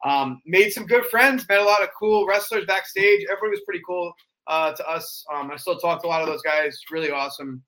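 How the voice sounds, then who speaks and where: A man, a podcast guest, telling wrestling stories in a casual, animated way, acting out quotes with sudden jumps in his voice. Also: sits high, fairly quick, rough recording. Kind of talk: casual storytelling.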